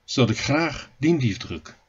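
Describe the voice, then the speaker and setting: A man's voice: mid-range voice, expressive, a little slow, slightly rough, dull audio. A man voicing Ant, an angry woman neighbour crying out about her ruined shawl. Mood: aggrieved. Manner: crying out angrily.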